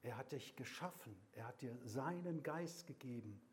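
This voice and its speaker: An older man preaching a sermon, swinging between loud emphatic lines and soft whispered passages, with slow, deliberate repeated phrases. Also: mid-range voice, animated, a little hiss or hum.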